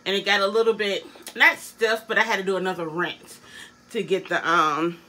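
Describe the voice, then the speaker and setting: A woman's voice: mid-range voice, flat delivery, moderate pace, pushed and bright. A woman giving a casual product demonstration, her articulation slightly awkward as she talks with new braces in her mouth. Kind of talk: casual product demo chat.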